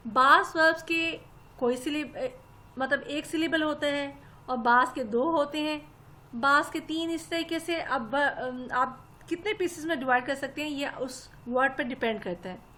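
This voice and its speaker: High-voiced woman teaching English grammar. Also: unhurried, pushed and bright. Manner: patient, explains step by step and addresses listeners as "janab". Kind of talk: spoken grammar lesson.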